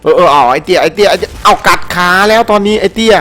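Brief Man, fairly high voice, playful let's-play commentary full of shouts and slang, faint game music underneath. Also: rapid-fire. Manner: animated and playful, with frequent shouted exclamations and crude slang. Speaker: gameplay commentator.

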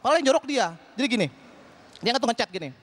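A young man doing a stand-up comedy routine on stage, acting out chat partners in quick quoted voices. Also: very high voice, lively intonation, a bit bright. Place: stage before a live audience.

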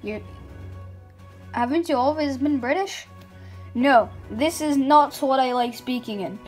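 A woman voicing a fed-up male bottle cap contestant in an amateur animated object show. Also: high-pitched, soft background music. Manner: fed up, halting.

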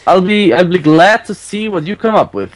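A man playing a multiplayer game with friends, chatting casually with quick, agreeable replies. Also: high-pitched, animated, no echo, poor audio. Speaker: fellow player. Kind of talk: casual multiplayer gaming chat.

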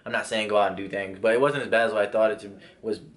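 A man's voice: lowish voice, steady tone, very fast, a bit bright. A young man casually telling a personal story, rambling with restarts and lots of filler words. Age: young adult. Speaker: vlogger.

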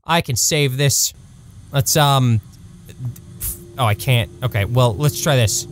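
A man streaming a video game live, reacting loudly, laughing at his own mistakes and swearing casually as he goes. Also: slow, over music. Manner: excitable, jumps to high-pitched yelps when thanking subscribers. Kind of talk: live gameplay commentary.

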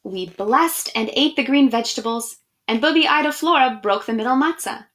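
A woman in her thirties, an education director, reads picture books online to children from a small room at home, speaking to them directly and with expression. She chats in a friendly way, her slightly high voice fairly bright at normal speed.

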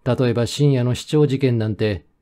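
Mellow-voiced male audiobook narrator. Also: medium pitch, normal speed. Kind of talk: scripted first-person audiobook narration.

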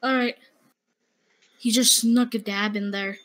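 A man's voice: sits high, fairly even intonation, a little slow, fairly bright tone. A guest gamer casually chatting during a match, often complaining about his aim. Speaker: gaming youtuber, guest. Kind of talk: casual gameplay chat.

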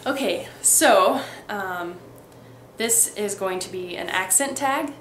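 A young adult woman from Texas and Missouri, US, with a light Midwestern accent, rambles through a casual accent tag vlog, full of ums and restarts. Her mid-range voice is fairly bright and slow-paced. She films on a webcam indoors in a roomy bedroom, with a faint ambient hiss.

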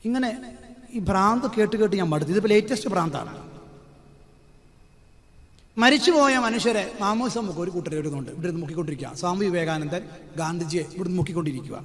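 A male priest giving a sermon in a storytelling way, with sudden loud, emphatic outbursts. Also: sits high, lively intonation, fast talker, long pauses. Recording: long hall reverb.

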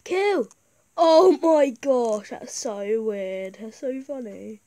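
A gaming YouTuber with a high voice and a bad cold gives casual, rambling, excitable commentary on gameplay, speaking slowly.

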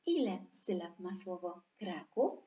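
A woman's voice: on the low side, big pitch swings, mellow, lo-fi sound. A woman teaching an online lesson to young children, stretching out words for them to repeat. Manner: slow, drawn-out syllables for children to repeat. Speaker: preschool teacher. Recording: echoey room.

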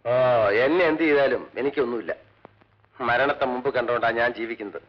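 A man's voice: medium pitch, quick pace, lightly acted. An actor playing a defiant, bitter male prisoner. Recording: dull old film soundtrack.

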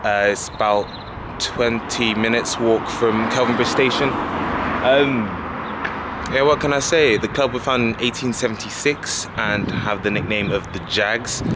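A travel vlogger in his twenties films himself walking city streets with the camera held at arm's length, narrating casually and enthusiastically. His voice is fairly low, steady, and unhurried. Loud street and traffic noise fills the background.

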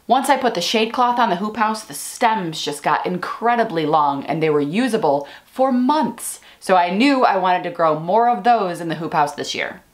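A woman in her thirties, a flower farmer, talking casually and enthusiastically to the camera from a sunny room indoors. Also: on the low side. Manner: chatty and enthusiastic, with some ums. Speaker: flower farmer and channel host. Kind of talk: casual vlog talk.

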